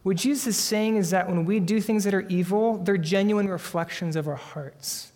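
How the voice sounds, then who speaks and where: A man preaching a sermon, earnest and emphatic, slowing down for dramatic weight on key phrases. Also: high-pitched, a little mellow. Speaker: pastor. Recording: long hall reverb.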